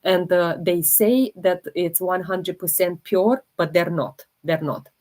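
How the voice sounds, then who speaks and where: Romanian lady hosting a health livestream, lowish voice, takes her time, lots of ums. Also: darkish tone. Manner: slow, hesitant, many fillers while demonstrating; reads out viewer comments and answers them. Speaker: holistic health livestream host. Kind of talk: casual livestream chat.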